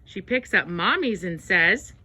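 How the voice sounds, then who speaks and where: A woman's voice: lowish voice, animated, unhurried, sharp tone, slightly rough. A woman narrating a children's storybook tale aloud, with dramatic exclamations and gasps.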